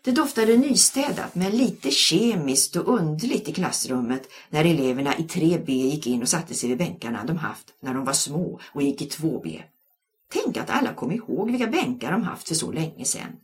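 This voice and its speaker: A woman reading a children's novel aloud with expressive storytelling. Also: deep voice. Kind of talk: audiobook narration.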